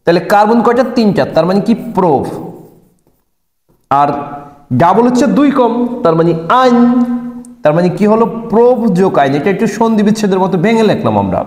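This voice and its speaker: A man's voice: high-pitched, darkish tone. A man teaching chemistry in a classroom lecture, repeating key points and asking and answering his own questions. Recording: echoey room with long reverb.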